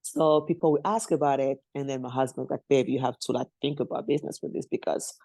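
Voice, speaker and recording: A woman from Congo talks through her story as a podcast guest, in a mellow, warm voice recorded close and dry. Her English is loose and non-native, and she laughs often. She slips into lively voices to act out the people she quotes. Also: very deep voice, fast talker, no echo. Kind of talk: conversational interview.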